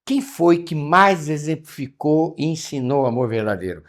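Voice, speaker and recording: A man leading a spiritual lesson in a fairly high, very lively voice that rises and falls sharply. He teases and questions his listeners, calling out names as he goes. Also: normal speed. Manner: animated, calls on listeners by name, rhetorical questions. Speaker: teacher of a spiritual study class.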